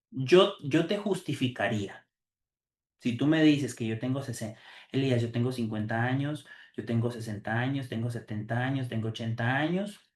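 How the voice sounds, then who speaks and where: Male host, motivational speaker, preachy and emphatic, mid-pitched, roomy echo. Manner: emphatic, preachy, with frequent fillers and restarts. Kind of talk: motivational talk to viewers.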